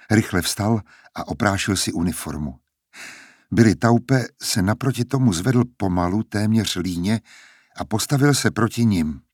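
A man reading a novel aloud as an audiobook narrator, steady and even. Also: on the low side, breathy edge, no echo, studio quality. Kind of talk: scripted narration.

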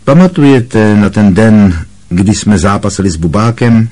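An earnest, anxious teenage boy pupil at a wizard school, hesitant in his answers, as a man puts him on in a storybook reading. The voice underneath stays low and husky. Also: animated, dark tone.

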